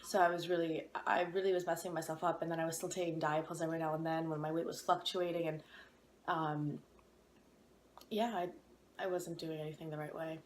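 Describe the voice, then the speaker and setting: A woman in her twenties from Ukraine, candidly and reflectively telling her own story, pausing on fillers as she goes. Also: deep voice, level tone. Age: 20s. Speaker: interviewee. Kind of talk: personal testimony. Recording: echoey room, faint background noise.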